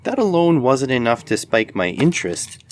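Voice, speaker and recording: An electronics reviewer hosting a video gives a casual, unscripted product demo, rambling along in a matter-of-fact way. His medium-pitched voice has a sing-song lilt and a moderate pace.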